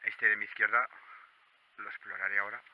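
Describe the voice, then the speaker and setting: Low-voiced Spanish man, muffled night vlog. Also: little pitch movement, a little fast, slight background noise. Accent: Spanish, from Spain. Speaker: urban exploration vlogger. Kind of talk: hushed narration of a night exploration vlog. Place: on foot at night among abandoned rural buildings and woods.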